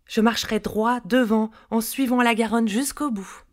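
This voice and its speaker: A stubborn, dreamy country girl played by a woman storyteller sings out her refrain of far-off roads. Her voice sits fairly high and carries a singsong lilt. A storybook figure, headstrong and wistful. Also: steady tone, normal speed, a little mellow, natural voice. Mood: determined.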